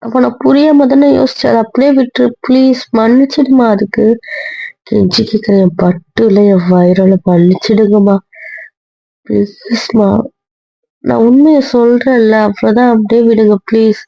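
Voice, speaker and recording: A woman's voice: mid-range voice, fairly even intonation, unhurried, vocal fry, pauses often, no room sound, lo-fi sound. A woman playing a young wife who keeps coaxing and pleading with her husband in an amateur audio drama.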